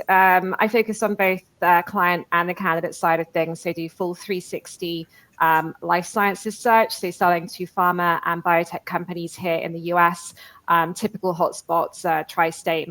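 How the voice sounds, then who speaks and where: A woman's voice: lowish voice, little pitch movement, moderate pace, bright, forceful tone, no echo, poor audio. A woman introducing her recruiting work on a panel, matter-of-fact with many fillers.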